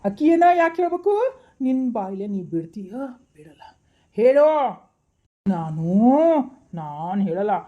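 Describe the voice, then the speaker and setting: A woman's voice: mid-range voice, big pitch swings, a little slow, pauses often, dark tone, highs cut off. A woman playing a vengeful female spirit, accusing, taunting and wailing. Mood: demanding. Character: vengeful female spirit possessing someone, demanding truth.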